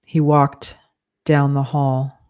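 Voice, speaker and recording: A writer dictating a story aloud, saying each punctuation mark and correction in a measured, even way. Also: medium pitch, clear, resonant tone. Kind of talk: dictating fiction aloud with spoken punctuation commands.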